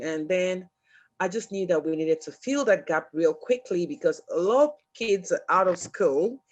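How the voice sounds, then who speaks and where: Woman, earnest and emotional, repeats herself, interview guest, video call audio. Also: lowish voice. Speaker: foundation founder, guest. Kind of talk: casual interview.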